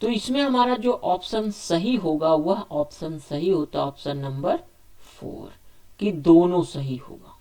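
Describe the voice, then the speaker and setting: A male teacher with a slightly high, somewhat slow voice and a dark tone leads a spoken exam quiz. He reads each question aloud, answers it himself, and repeats the options over and over.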